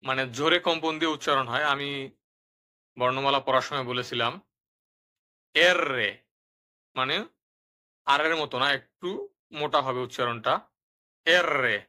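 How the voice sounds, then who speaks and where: A man with a very bright, sharp voice leads a patient pronunciation lesson. He explains each rule plainly and says every example word twice, slowly and distinctly. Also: medium pitch. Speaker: language teacher. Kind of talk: step-by-step lesson narration.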